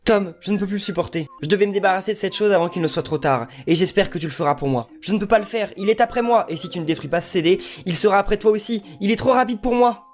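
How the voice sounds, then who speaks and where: Man putting on a frantic young guy, high strained voice, rushed begging, faint music behind. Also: close to an everyday voice. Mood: desperate. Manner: desperate, urgent, begging. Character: panicked young man pleading in a farewell letter.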